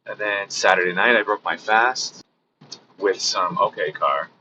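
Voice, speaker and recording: Hoarse, sick-voiced man with a deep, bright tone. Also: a little slow, slight background noise, low-quality recording. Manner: rambling, relaxed, with fillers and restarts. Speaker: vlogger. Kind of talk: casual daily vlog update.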